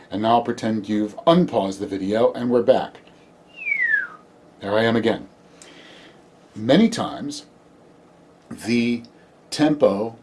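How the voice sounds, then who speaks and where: A man's voice: fairly low pitch, a little mellow, breathy edge. A man giving a patient, step-by-step video music lesson on the theremin, sounding out rhythms as sung syllables. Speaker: theremin teacher.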